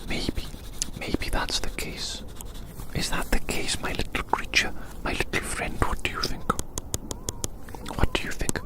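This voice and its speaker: Outdoors, in a roleplay, an ASMR performer speaks to the listener in an unvoiced, breathy whisper. Hushed and gently musing, she slowly repeats phrases over and over.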